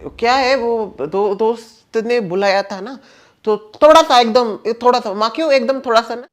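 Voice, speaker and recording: A man playing a loud, joking middle-aged father who likes a drink, in a comedy sketch. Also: very high voice, moderate pace. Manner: loud, joking, blustery, shouts at times.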